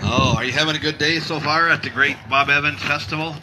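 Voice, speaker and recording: Brief: higher-voiced man from Michigan, joking outdoor show emcee, on a PA mic with clear background noise. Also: steady tone, quick pace. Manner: wisecracking, self-deprecating, teasing the audience. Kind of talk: joking crowd banter over a PA. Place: outdoor festival stage.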